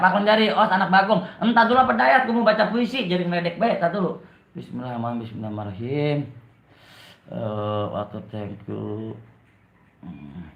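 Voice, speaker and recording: A man with a Betawi accent chats casually with his live-stream viewers, teasing them and laughing often as he reads their comments. His voice has a gravelly, fried edge. The sound is dull and lo-fi, with a roomy echo around it. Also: high voice.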